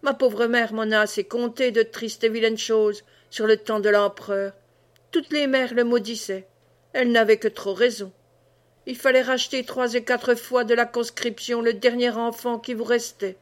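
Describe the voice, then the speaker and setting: A woman voicing a sharp-tongued, scornful peasant mother who scolds quickly. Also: on the high side, little pitch movement, natural voice.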